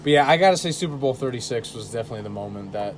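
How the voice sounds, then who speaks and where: A man in his twenties hosting a podcast, talking in a loud, joking, profane way and laughing often. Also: mid-range voice, lively intonation, racing, slight background noise. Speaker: podcast host. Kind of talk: casual profane chat.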